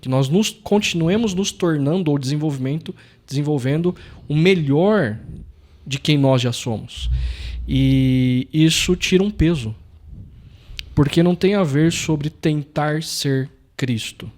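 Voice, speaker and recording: A man's voice: a little high, unhurried, a little mellow. A man from Brazil, a pastor who is also a father and husband, talking earnestly and repeating phrases for emphasis. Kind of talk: casual chat.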